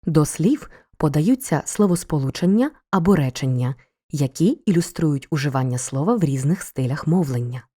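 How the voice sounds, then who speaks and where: A woman narrating a scripted school lesson for children, explaining each point in a clear, measured way. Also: sits low, animated, dark tone. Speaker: teacher.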